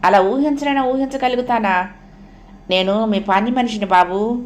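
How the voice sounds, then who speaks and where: A woman's voice: on the high side, darkish tone, lightly acted. A woman voicing a humble young maid and new bride who pleads through tears in a storybook reading. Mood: pleading, tearful. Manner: pleading, sobbing, slow.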